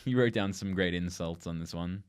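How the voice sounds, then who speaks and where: A man's voice: sits low, normal speed, smooth. A man co-hosting a film podcast, chatting casually and laughing often, with frequent restarts. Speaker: podcast co-host. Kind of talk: casual film-review chat.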